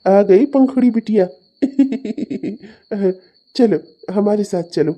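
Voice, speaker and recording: A man voicing a sleazy, nervous male kidnapper in a cartoon who coaxes smoothly and then hurries. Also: high voice, warm tone, heavily acted. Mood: smarmy. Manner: smarmy and coaxing, then hurried. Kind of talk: cartoon voice acting.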